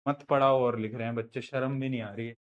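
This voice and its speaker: A man's voice: medium pitch, steady tone, fast, dull audio. A man teaching a live online science class in Hindi, chatty and teasing his students, slipping into English terms.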